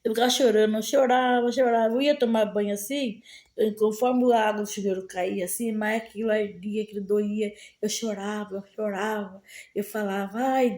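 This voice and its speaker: A woman's voice: mid-range voice, mellow, reverberant. A middle-aged woman, giving a fervent, repetitive, heartfelt spoken testimony in a casual way. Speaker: vlogger sharing a testimony.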